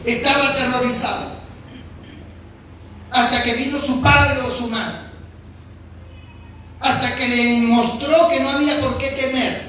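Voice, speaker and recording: Peruvian pastor preaching in an echoey hall. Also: male voice, extremely high pitch, steady tone, unhurried, pauses often, a little hiss or hum. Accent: Peruvian Spanish. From Peru. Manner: emphatic and repetitive, swings between shouting and soft speech. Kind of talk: sermon. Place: church hall. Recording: echoey hall from far off with faint ambience.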